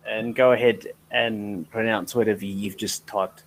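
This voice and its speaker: A man's voice: on the low side, fairly even intonation, a little slow, slight background noise, rough recording. A man in a casual livestream chat, hesitant and stalling, often repeating himself.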